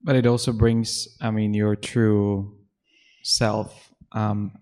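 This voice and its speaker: A man interviewing a poet, asking questions in a gentle, affirming, measured way. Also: lowish voice, little pitch movement.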